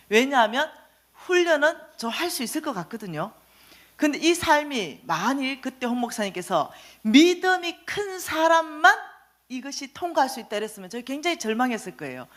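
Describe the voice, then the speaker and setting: A woman giving a spoken testimony at a church service, acting out dialogue and putting questions to the congregation. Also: fairly high pitch. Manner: animated, acts out quoted dialogue, questions the audience. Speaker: staff minister giving testimony. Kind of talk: sermon testimony.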